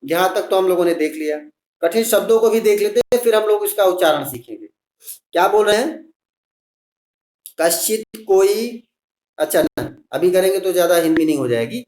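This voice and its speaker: A patient male teacher leads a class of children, slowly spelling words out piece by piece and coaxing answers. His voice sits somewhat high for a man. The room around him rings with echo. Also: lively intonation, a little mellow. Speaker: Sanskrit teacher. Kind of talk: online class for schoolchildren.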